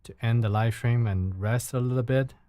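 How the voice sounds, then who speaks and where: This mid-range, warm male voice belongs to a young native Mandarin speaker from China hosting a casual livestream indoors at home late at night. He talks at normal speed with fairly even intonation, in a Chinese accent, frequently repeating words as he looks for English. The sound is clean studio quality without echo.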